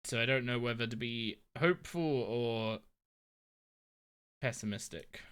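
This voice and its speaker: A man's voice: mid-range voice, measured pace, fairly bright tone, clean tone. A tired, yawning young man chatting casually on a live game stream, rambling and thinking aloud as he plays. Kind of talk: casual live-stream chat while playing.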